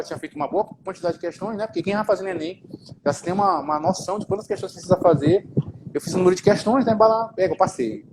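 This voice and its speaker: Fast-talking Brazilian man telling his story. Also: high-pitched, noisy background. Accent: Brazilian Portuguese. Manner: storytelling, informal, swears, repeats himself. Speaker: guest. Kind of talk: casual live interview.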